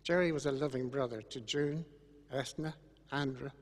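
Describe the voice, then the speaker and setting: An older man with an Irish accent gives a funeral eulogy in a solemn, measured way, with grieving gratitude. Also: medium pitch, steady tone. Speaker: eulogist speaking about his late brother. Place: large church, over a microphone to congregation and webcam. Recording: echoey church with long reverb.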